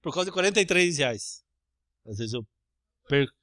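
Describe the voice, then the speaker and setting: A Brazilian man preaching a sermon as pastor, animated, acting out little everyday scenes with changing voices. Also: a little high, normal speed, no echo, clean studio sound. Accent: Brazilian Portuguese.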